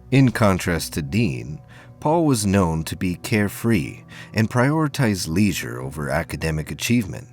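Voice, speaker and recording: Faint music sits behind a low-voiced man narrating a science fiction audio drama. He speaks in a formal, measured way, yet his pitch moves about lively.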